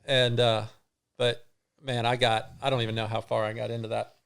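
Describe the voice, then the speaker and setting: A middle-aged man, a guest on an interview show, telling a long personal story in a halting way, with many restarts and fillers. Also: medium pitch, level tone, vocal fry, fairly bright tone, smooth. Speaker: guest runner.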